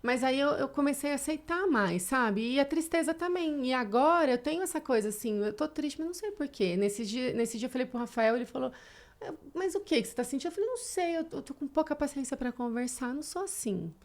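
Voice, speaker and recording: Higher-voiced Brazilian woman, reflective. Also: expressive, fairly quick, hardly any pauses. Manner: reflective, emotional storytelling. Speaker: podcast guest. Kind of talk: casual podcast conversation.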